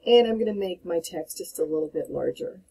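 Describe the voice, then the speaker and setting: Woman instructor, mellow and slightly husky, calm step-by-step tutorial delivery at a desk mic. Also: lowish voice, a little fast, poor audio. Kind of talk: screen-recorded software tutorial.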